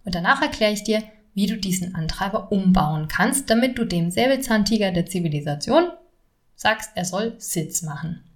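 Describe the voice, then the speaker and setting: A woman's voice: mid-range voice, lively intonation, normal speed. A woman, hosting a solo podcast on stress and talking straight to the listener in a friendly way. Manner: friendly, addresses listener directly. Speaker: podcast host and stress coach. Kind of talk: solo podcast talk with exercises.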